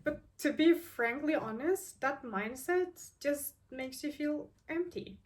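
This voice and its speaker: A woman's voice: sits high, animated, slow pace, far from the mic. A woman of twenty-three from Turkey, talking earnestly to camera and thinking aloud, with lots of "like" and restarts. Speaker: vlogger. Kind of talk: casual reflective talk to camera.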